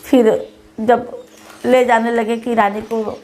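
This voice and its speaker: A middle-aged woman with a slightly high voice and a Bhojpuri-tinged Hindi accent gives emotional testimony in an interview. She talks in a rambling way, circles back over the same points, and voices the words of the people in her story. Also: flat delivery, slow pace, noisy background. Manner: rambling, repeats herself, acts out others' words. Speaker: interviewee, mother of the deceased.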